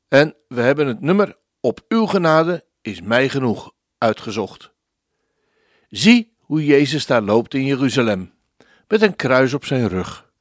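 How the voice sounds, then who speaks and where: Lively, earnest Dutch radio host, man. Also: medium pitch, no echo, clean studio sound. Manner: earnest, reads lyrics aloud expressively. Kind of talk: radio request show presentation.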